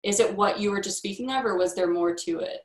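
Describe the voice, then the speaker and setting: A woman's voice: mid-range voice, quick pace. Young woman host asking questions in a roomy room. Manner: conversational, building up long questions. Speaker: museum host and interviewer. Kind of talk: livestream interview. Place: indoor room with a plain wall. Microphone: webcam on a video call. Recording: roomy video-call audio.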